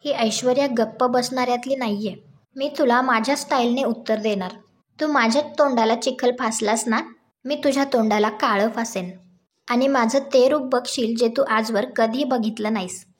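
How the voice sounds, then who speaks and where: A woman's voice: on the high side, moderate pace, close to an everyday voice. A woman voicing an angry, vengeful young wife in a plain reading voice, scolding and threatening.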